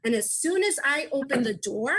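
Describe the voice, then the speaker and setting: A woman's voice: high-pitched, lively intonation, moderate pace, fairly bright tone, low-quality recording. A woman in her thirties doing a chatty, self-deprecating stand-up set over a video call. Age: 30s. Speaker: stand-up comedian.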